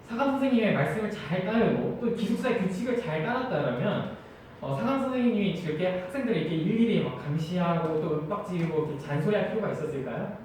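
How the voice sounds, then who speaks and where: A man's voice: a little high, a little mellow, slight background noise. A man in his twenties preaching a sermon as an evangelist, telling stories earnestly with frequent hesitation sounds. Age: 20s. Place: large church hall. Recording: very echoey church hall, mic far off.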